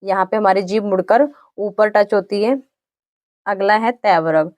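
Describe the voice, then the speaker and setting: A woman leads an exam-prep grammar lesson, patiently repeating definitions and slowly sounding out each letter. Her mid-range voice is a little mellow, and the recording is dry.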